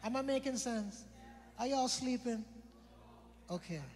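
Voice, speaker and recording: A man's voice: very high-pitched, measured pace, darkish tone, long reverb tail. A man from the British Virgin Islands with an island accent, preaching a sermon, quizzing his congregation and repeating phrases for emphasis.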